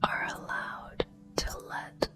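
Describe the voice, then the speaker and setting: Woman, whispered pep talk, ASMR affirmations, breathy, very unhurried, deliberate pauses, reassuring, music behind. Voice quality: soft breathy unvoiced whisper.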